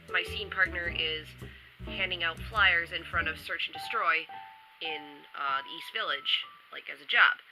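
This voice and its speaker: A low-pitched woman's voice comes through a rough recording as she vlogs casually at home in New York City. Chatty and upbeat, she talks to camera while stuffy from a cold and coughing occasionally.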